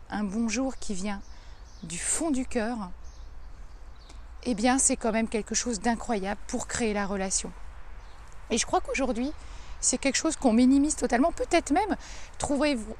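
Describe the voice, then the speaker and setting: A woman, a coach giving an emphatic, lively motivational talk in a daily video, with playful asides. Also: fairly high pitch, slight background noise. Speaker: coach and speaker.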